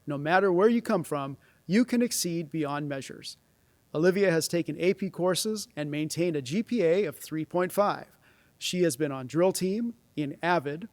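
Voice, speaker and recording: A man's voice: fairly high pitch, a little mellow, no echo. A man formally reading out scripted honors as presenter at a school knighting ceremony, speaking into a podium microphone. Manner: formal read-out delivery, announcing names ceremonially. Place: stage of a large auditorium.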